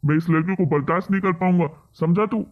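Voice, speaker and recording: A stern father-in-law in a cartoon rages and threatens, voiced by a man. His voice sits high for a man. The sound is thin and phone-like. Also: fast talker, natural voice. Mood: angry. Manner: gruff, threatening.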